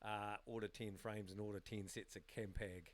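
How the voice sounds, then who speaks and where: A man's voice: fairly low pitch, level tone, normal speed. A man hosting a casual interview, leading with questions and reading a short blurb aloud, with hesitant fillers. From New Zealand. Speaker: interviewer, host.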